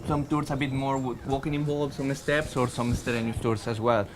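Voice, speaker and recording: A man with a Mexican accent, a native Spanish speaker, explaining procedures in a halting, methodical announcement. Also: mid-range voice, little pitch movement. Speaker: shore excursions presenter. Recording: clear background noise.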